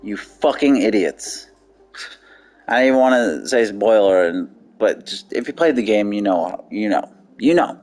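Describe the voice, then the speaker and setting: A man's voice: medium pitch, darkish tone. A man ranting on a live game stream, heated and profane, repeating himself as he argues. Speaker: gaming streamer.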